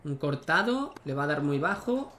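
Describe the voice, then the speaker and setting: A young male streamer chats through a tennis video game, thinking out loud and cursing at missed shots. His slightly high voice has a sing-song lilt, a pushed, bright quality and normal speed, with a little background hiss or hum.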